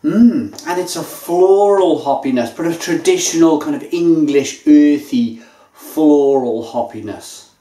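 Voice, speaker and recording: A man in his thirties with a slightly high voice reviews a beer at home, unhurried, relaxed and chatty as he savors and describes each sip. He's indoors in his kitchen, recorded by a camera mic at table distance with echoey room sound.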